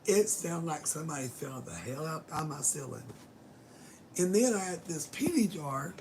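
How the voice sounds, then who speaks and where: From her bedroom, a middle-aged woman who has lost her voice greets live viewers and rambles casually, swearing offhandedly and sometimes slipping into a whisper. Her hoarse voice is low-pitched, expressive and darkish, at a moderate pace, with a little hiss or hum audible.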